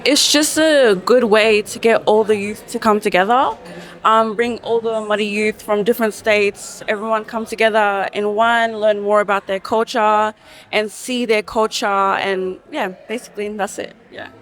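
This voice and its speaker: A woman's voice: mid-range voice, normal speed. A woman who leads young women in her community, answering an interview casually. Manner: casual, relaxed. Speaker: youth leader.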